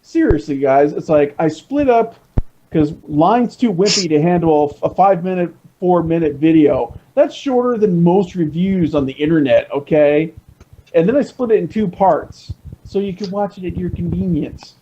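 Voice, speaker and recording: A man in casual podcast chat, talking excitably and rambling with many restarts. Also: fairly high pitch, normal speed, lo-fi sound, slight background noise. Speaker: podcast co-host.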